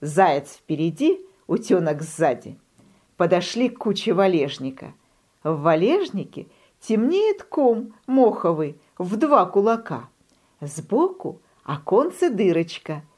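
A woman reads a children's animal tale aloud in a lively, expressive storytelling voice. Her pitch climbs and dips freely from phrase to phrase. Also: slow pace.

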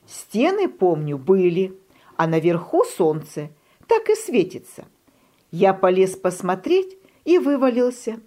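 A woman voicing a frightened, whiny lost little duckling in a high, squeaky, whining voice for a children's storybook reading. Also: big pitch swings, measured pace, warm tone. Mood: pleading.

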